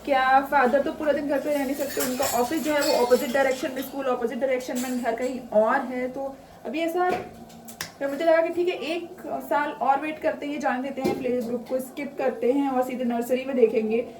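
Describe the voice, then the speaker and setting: A woman's voice: high voice, steady tone, brisk, noisy background. A woman with an Indian accent chatting casually in a home vlog as a mother. She mixes English words into her talk and uses many fillers. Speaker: mother vlogger. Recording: echoey room, mic somewhat far.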